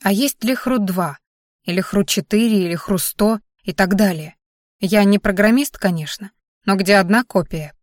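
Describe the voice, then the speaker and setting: A woman's voice: mid-range voice, no room sound. A woman reading a first-person audiobook in a wry, anxious inner-monologue manner, often questioning herself. Her voice sits in a middling range. The recording is dry and close. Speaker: audiobook narrator.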